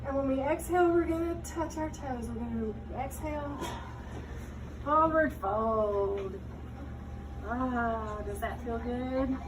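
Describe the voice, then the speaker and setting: A female yoga teacher with a high voice leads a kids' class slowly, giving brief step-by-step cues and asking questions to check in. She's picked up by a distant mic in a clearly noisy room.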